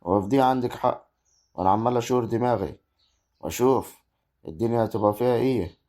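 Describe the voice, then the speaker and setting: A man's voice: mid-range voice, fast, dark tone, natural voice. A man playing a harried Egyptian village husband. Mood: musing. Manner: exasperated, arguing. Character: young village husband, man, torn between wife and mother. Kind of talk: amateur rural family drama acting.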